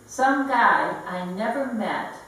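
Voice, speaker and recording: A woman poet giving a live poetry reading, speaking slowly and deliberately, with light laughs between lines. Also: on the high side, animated, a bit bright, recorded from a distance. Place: gallery event room. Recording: very echoey room, voice heard from afar with faint background hiss.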